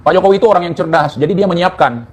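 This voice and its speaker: A man's voice: sits high, rapid-fire. Mocking male commentator. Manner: mocking, declamatory, addresses his target directly. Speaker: online commentator. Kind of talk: political commentary monologue.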